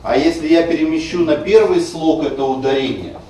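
A male teacher in a screencast on Russian stress explains pronunciation rules, sounding out example words aloud as demonstration. He speaks briskly, his voice on the high side and dark in tone. Heavy echo from a distant mic makes it roomy, and a faint hiss lies underneath.

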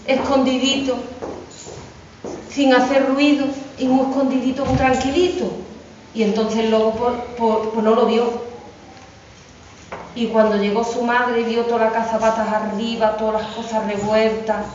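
A woman reading a storybook aloud to young children in a classroom, animated and asking them questions. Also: fairly high pitch, a little slow, slight background noise. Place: school classroom. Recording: echoey, distant, dull room recording.

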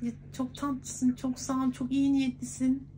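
Man doing a high-pitched coy woman's voice. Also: completely flat delivery, a little slow, warm tone, slight background noise. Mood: flirty, sweet. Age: 20s. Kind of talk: prank phone call. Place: clothing shop, indoors.

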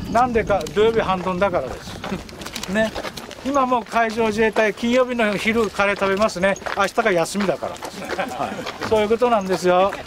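A man, giving a folksy guided-tour explanation with drawn-out fillers and anecdotes. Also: sits high. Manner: folksy, drawn-out fillers and frequent tag words. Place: open outdoor grounds. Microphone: camera a few steps away. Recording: outdoor camcorder audio with clear ambient noise.

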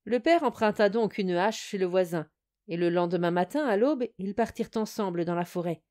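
A woman narrating a classic fairy tale for an audiobook. Her voice sits at an ordinary middle pitch. She tells the story calmly and clearly. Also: normal speed, no room sound, studio quality.

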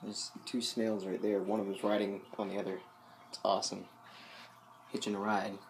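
A man's voice: on the low side, flat delivery, normal speed, creaky, slight background noise. A young man chatting casually to his viewers about his aquarium, rambling with lots of fillers, his voice a little loose. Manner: rambling, many fillers and asides. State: voice a bit loose. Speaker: aquarium vlogger. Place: home, by a fish tank.

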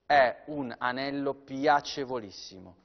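A man's voice: mid-range voice, measured pace. Male auctioneer in a very reverberant hall. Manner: descriptive sales patter with repeated phrases. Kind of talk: live televised auction sales commentary. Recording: dull, very reverberant hall sound.

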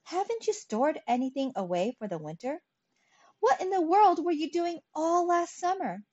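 A woman's voice: very high voice, expressive, normal speed, voice pushed up. A woman voicing a band of indignant, scornful ants in a read-aloud fable. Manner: scornful, sharp. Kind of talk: storybook reading. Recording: dull lo-fi recording.

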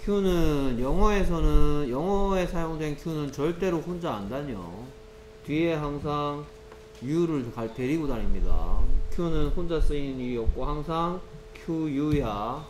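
A man's voice: on the high side, takes it slowly. A man tutoring phonics one-on-one, patiently drilling sounds and explaining each step. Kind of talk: repeat-after-me phonics drill. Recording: echoey room with steady hum.

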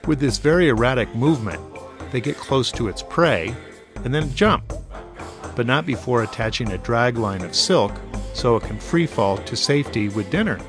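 A man narrating a scripted nature documentary with an informal, wryly playful manner. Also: mid-range voice.

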